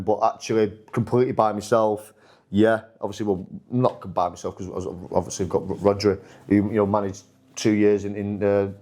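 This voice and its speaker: A man, a football manager talking casually in a podcast interview, rambling with many restarts and lively when he quotes others. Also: mid-range voice.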